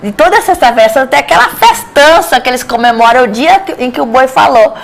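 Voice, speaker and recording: A woman's voice: high voice, lively intonation, fast talker, vocal fry. Bashful, chatty woman. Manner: bashful, giggly, chatty storyteller. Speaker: singer and guest. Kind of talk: casual TV chat.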